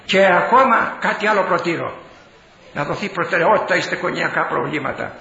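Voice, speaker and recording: A man's voice: sits high, lively intonation, vocal fry, bright, forceful tone. An older man, a bishop, giving a fiery sermon-style speech, exclaiming and repeating his phrases. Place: large hall. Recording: dull echoey hall recording.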